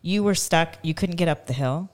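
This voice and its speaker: A woman hosting a podcast in casual chat, chatty and self-deprecating and quick to laugh. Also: lowish voice, a little mellow. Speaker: podcast host.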